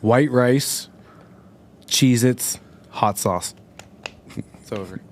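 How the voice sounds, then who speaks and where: An easygoing man chatting as a podcast guest in a medium-pitched voice. He talks casually, in short, punchy phrases. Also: drawn-out words, slight background noise. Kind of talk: casual chat.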